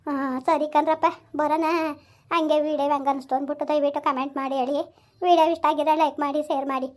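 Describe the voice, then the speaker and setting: A woman's voice: high-pitched, level tone, quick pace, close to an everyday voice. A woman playing a village mother-in-law, coaxing and scolding in a family drama. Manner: coaxing, repetitive, forceful when threatening her son. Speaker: mother-in-law in a family skit, also addresses viewers.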